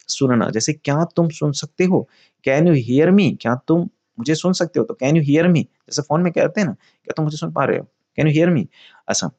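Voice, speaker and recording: A man's voice: a little high, a little mellow. A man teaching English vocabulary in Hindi. He often asks a question and answers it himself, repeats key words, and calls his viewers friends.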